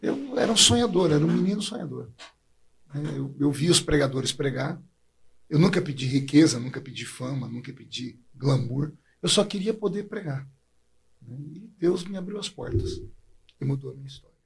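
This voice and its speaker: A man's voice: fairly high pitch, expressive, moderate pace. A man from Brazil, a preacher, telling his personal faith story in a heartfelt way, his voice catching with emotion. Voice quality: gravelly, husky voice.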